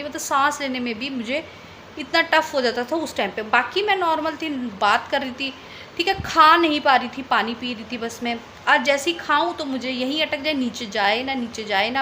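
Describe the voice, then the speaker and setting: Young woman from delhi, high voice, chatty vlog story, repeats herself a lot, bit of faint noise behind. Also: pushed and bright. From Delhi, India. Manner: chatty, repeats phrases for emphasis. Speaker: vlogger. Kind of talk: casual personal storytelling.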